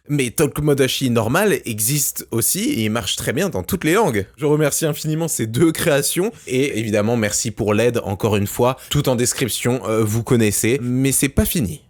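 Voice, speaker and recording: A man hosting an online explainer video, talking casually and directly to viewers with slangy asides. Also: mid-range voice. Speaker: YouTube host.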